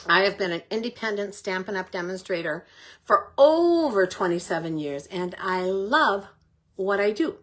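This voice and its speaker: An older woman chats on a home craft livestream, still a bit out of breath. She talks in a friendly, rambling way and stops to greet each viewer by name. Her pitch sits at a middle height for a woman. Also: expressive, normal speed. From Middle Tennessee, United States. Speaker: paper crafting livestream host. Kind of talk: casual livestream chat.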